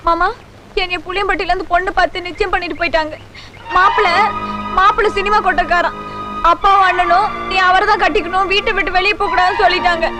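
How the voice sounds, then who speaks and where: A woman's voice: very high voice, fairly even intonation, quick pace, loud music behind the voice. An actress playing a distraught young village woman who refuses an arranged marriage, pleading and defiant in a 1980s Tamil film drama. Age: young adult. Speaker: village heroine. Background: film score.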